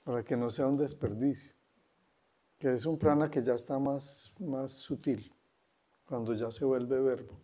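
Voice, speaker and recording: A man giving an unhurried spiritual talk, conversational and pausing often. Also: medium pitch, fairly even intonation, warm tone. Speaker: spiritual teacher. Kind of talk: satsang talk.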